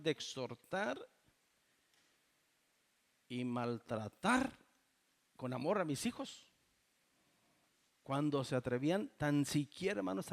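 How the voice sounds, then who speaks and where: Gravelly older pastor preaching. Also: male voice, a little high. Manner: fervent preaching, often addressing the congregation as brothers. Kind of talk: sermon. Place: church.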